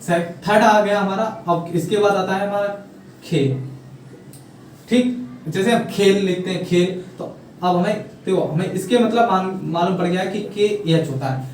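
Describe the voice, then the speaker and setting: A man's voice: sits high, moderate pace, darkish tone, a little hiss or hum. A man teaching a lesson, drilling letters and vowel signs aloud over and over and checking whether his students follow. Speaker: English teacher. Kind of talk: classroom lesson explaining spelling. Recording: far-off echoey room with faint ambience.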